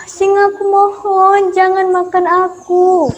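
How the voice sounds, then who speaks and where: A woman voicing a frightened little mouse begging for mercy, in a high pleading voice. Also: completely flat delivery, takes it slowly.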